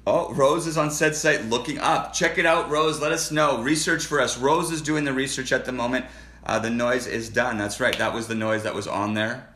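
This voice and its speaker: A man's voice: mid-range voice, steady tone, moderate pace, pushed and bright. A man hosting a casual talk show, asking blunt, teasing questions. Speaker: host. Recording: roomy echo.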